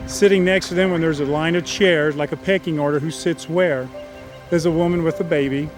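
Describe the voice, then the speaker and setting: A man's voice: on the high side, fairly even intonation, a little fast. Casual man telling a story over music. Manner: casual, with fillers and restarts. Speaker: screenwriter. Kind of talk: storytelling a film synopsis. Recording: music playing behind.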